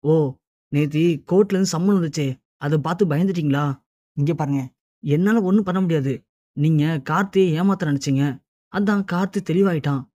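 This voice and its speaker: A smug male villain gloats and mocks, as the narrator reads his part. The tone is mellow and warm. The sound is dry. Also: mid-range voice, fairly quick, no echo, lightly acted. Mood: gloating. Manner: mocking, gloating.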